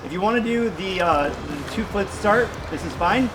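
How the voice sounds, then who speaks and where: A man's voice: high voice, expressive, normal speed, noisy background. A man in his thirties coaching a group through a demonstration outdoors at a swimming pool, projecting his instructions. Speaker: swim coach and presenter. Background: background music.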